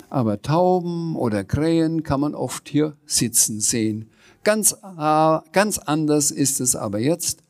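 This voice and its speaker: A man's voice: mid-range voice, a little mellow, lightly acted. A man voicing a cheeky red-haired childlike creature that sings made-up rhymes in a storybook reading. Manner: sing-song rhymes.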